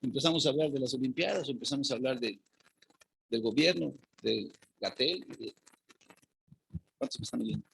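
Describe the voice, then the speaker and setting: A man's voice: mid-range voice, normal speed, vocal fry, pauses often, a bit bright, breathy edge. A man with a Mexican accent preaching a sermon as pastor, fervent and often asking the congregation rhetorical questions.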